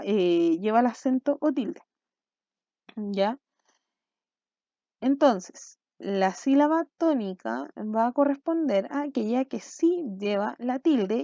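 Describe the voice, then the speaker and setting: A woman teacher explains a language lesson for video, often checking in with her students with quick questions. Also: fairly high pitch, mellow, dry recording, dull audio.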